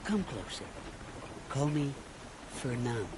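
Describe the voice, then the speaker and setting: Sneaky flattering game scavenger, sing-songy and theatrical, game audio with some noise. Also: male voice, mid-range voice, takes it slowly. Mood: scheming. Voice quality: wheedling, theatrical. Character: sly scheming male scavenger, flattering.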